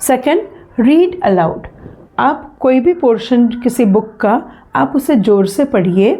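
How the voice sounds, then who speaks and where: A woman teacher giving a bilingual phonetics lesson, slowly saying each word again and again. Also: fairly high pitch, mellow. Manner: slow, repeats each word aloud.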